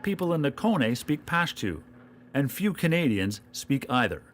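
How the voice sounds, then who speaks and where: A man reading scripted documentary narration in a calm, measured way. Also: mid-range voice, a little hiss or hum.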